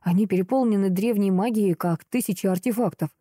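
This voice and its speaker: A woman's voice: medium pitch, fairly quick, dark tone, no room sound, studio quality, close to an everyday voice. A woman reading the lines of a sly, mocking young blind prince who drawls and teases. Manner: drawling, teasing. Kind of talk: audiobook character reading.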